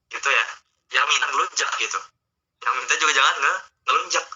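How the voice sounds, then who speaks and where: A man's voice: medium pitch, fast, pushed and bright. A male Islamic teacher giving a casual online religious talk, speaking conversationally and coaxing his listeners directly. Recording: dull lo-fi online stream audio.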